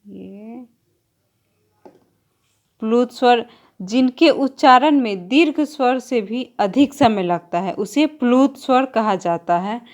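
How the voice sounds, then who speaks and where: A woman's voice: fairly high pitch, takes it slowly. A woman teacher giving an exam-prep grammar lesson, explaining step by step and drawing out example sounds while writing on a board.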